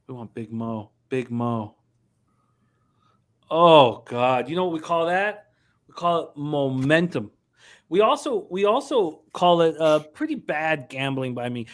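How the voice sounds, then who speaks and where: A man hosting a live sports betting stream with casual game commentary, talking like a profane, slangy frat bro hyping up his boys. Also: fairly high pitch.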